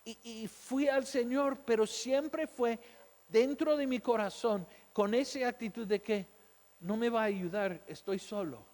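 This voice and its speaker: A man with a high voice preaches at an unhurried pace, sharing a personal testimony. He throws out rhetorical questions and briefly mimics the doubting voices of his listeners. His words ring out with a long reverb, as in a large hall. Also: a little mellow. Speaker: pastor. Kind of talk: sermon.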